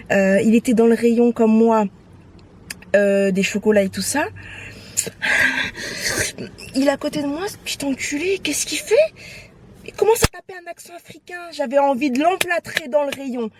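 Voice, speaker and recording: A young woman with a high voice talks straight into her phone while out on errands. She is animated and outspoken, and now and then switches into English. Faint street noise sits behind her. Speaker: vlogger. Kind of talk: casual vlog chat.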